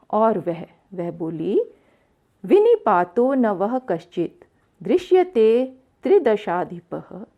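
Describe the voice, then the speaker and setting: A woman's voice: medium pitch, dark tone, dull audio. A woman teaching a textbook lesson, reading each line aloud and explaining it phrase by phrase, repeating words as she goes. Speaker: Sanskrit teacher.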